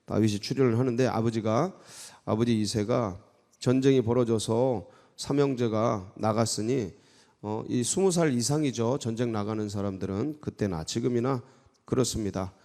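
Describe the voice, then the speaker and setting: A male pastor giving a dawn sermon, retelling the story in an animated way with frequent prompting asides to the congregation. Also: medium pitch, moderate pace. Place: church sanctuary. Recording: long church reverb.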